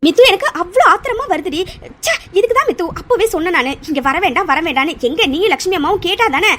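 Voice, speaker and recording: A woman voicing a chatty, hot-tempered young woman in a cartoon story who rants and scolds in rapid bursts. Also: high voice, animated, fairly bright tone. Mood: angry ranting. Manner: rapid ranting, teasing and scolding.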